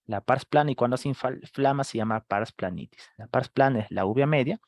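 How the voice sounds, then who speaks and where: In a live online medical class, a male lecturer with a mid-range voice fires quick questions at his students and acts out screaming patients. The recording has no room sound.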